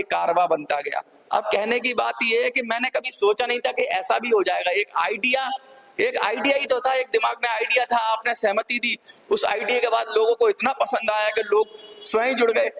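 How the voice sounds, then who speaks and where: A man's voice: sits high, vocal fry, a bit bright. An older man giving a fervent, repetitive rallying appeal to viewers as a pensioners' campaign organizer.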